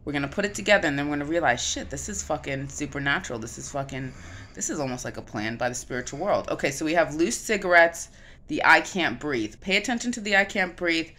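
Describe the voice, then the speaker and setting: A woman with a bright, sharp-edged voice, talking in a flat, insistent way and pressing her point over and over. A faint noise sits under the recording. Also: sits low, quick pace. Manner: insistent, deadpan, steers back to her theory. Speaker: co-host. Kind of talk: casual chat.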